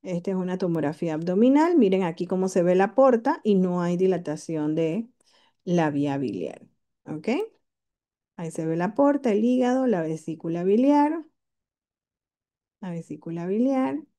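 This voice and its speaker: Low, mellow-voiced woman teaching radiology. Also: expressive, normal speed. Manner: explanatory, checks in with frequent rhetorical questions. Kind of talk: lecture walking through CT scans.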